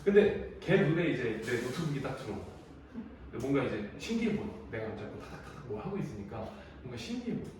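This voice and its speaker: A man's voice: mid-range voice, big pitch swings, brisk, darkish tone, distant mic. A young adult man teaching an English exam lesson in a casual, chatty way, laughing often as he tells stories. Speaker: high school English teacher. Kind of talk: casual classroom lecture. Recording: very echoey room, voice from the mic, faint noise.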